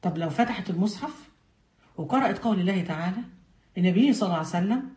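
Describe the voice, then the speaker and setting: A woman's voice: mid-range voice, expressive, racing, a little mellow. A woman with an Egyptian accent giving a religious lesson, speaking earnestly and directly to her women listeners. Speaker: religious teacher. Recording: roomy echo.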